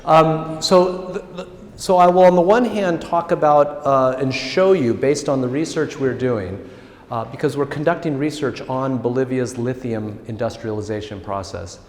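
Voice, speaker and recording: A man's voice: mid-range voice, moderate pace. Chatty American man lecturing in a hall. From California, United States. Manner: friendly, chatty, self-deprecating, with frequent restarts. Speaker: guest lecturer. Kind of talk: informal academic lecture. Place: large public hall. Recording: roomy hall reverb.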